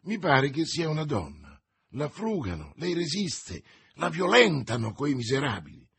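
Man reading a young Gascon swordsman, hot-headed, impetuous, commanding, husky, audiobook character voice. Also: on the high side, wildly swooping pitch, a little slow, a bit bright, heavily acted. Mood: tense muttering.

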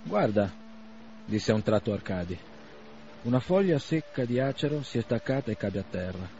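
A man narrating a novel aloud in a measured, expressive radio reading. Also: medium pitch. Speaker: reader. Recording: slightly dull radio recording with faint noise.

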